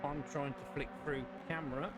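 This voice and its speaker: Higher-voiced man commentating over engine noise. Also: steady tone, brisk. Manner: informal, matey, mild swearing. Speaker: sim racing livestream commentator. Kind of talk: casual livestream race commentary. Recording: noisy mic with engine sounds.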